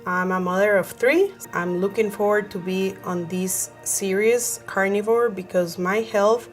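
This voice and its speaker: A woman's voice: mid-range voice, measured pace, faint music behind. Woman from Costa Rica introducing herself. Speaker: series participant.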